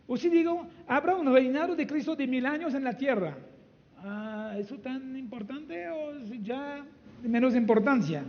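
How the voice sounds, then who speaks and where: A man, a pastor, giving a conversational sermon in a church hall, teaching with many rhetorical questions. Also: very high voice. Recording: dull, reverberant hall recording.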